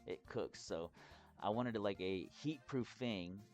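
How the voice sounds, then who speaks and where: A man from Texas giving a casual, rambling explainer vlog as a hobbyist, sounding drunk, halting and swearing freely. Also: lowish voice, darkish tone, soft background music. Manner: tipsy, rambling drunk talk with halting phrases and heavy swearing. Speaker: hobbyist presenter.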